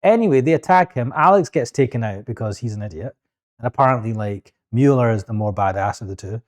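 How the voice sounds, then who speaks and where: A man's voice: mid-range voice, lively intonation, quick pace. Casual man, swearing freely. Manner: swearing freely, talks over partner. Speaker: podcast co-host. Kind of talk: casual chat.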